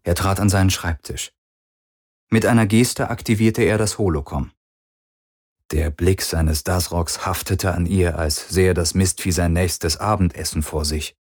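A man narrating a novel in a steady, measured reading. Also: low-pitched. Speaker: audiobook narrator. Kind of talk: scripted narration.

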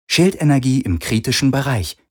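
A man voicing a spaceship's computer, announcing warnings in a flat, mechanical way. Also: medium pitch, normal speed, breathy edge, pitched above the performer's own voice. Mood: alarm. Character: cool-voiced ship computer giving alarms.

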